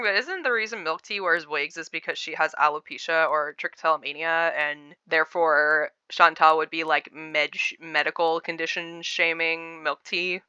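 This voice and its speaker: A woman delivers casual reaction commentary in a bright, crisp voice. She rambles and digresses as she shares her opinions. The recording is dry and slightly dull, with a lo-fi quality. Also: deep voice, no room sound.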